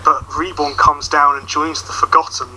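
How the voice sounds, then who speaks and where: A man's voice: fairly high pitch, flat delivery, normal speed, background noise. A man bantering casually and teasingly as a podcast guest. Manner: joking, teasing.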